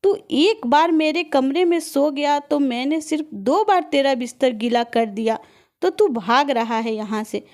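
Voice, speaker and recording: A woman voicing an elderly, patient mother who speaks calmly and softly in a storybook narration. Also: sits high, unhurried. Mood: reproachful. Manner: calm and soft-spoken.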